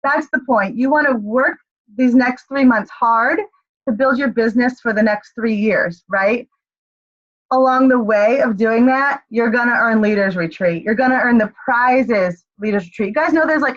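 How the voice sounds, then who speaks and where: A woman's voice: on the high side, fairly bright tone, dull audio. Upbeat woman rallying her team on a call. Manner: upbeat, rallying, repeats points with "okay?". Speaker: team leader on a group call. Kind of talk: motivational group call talk.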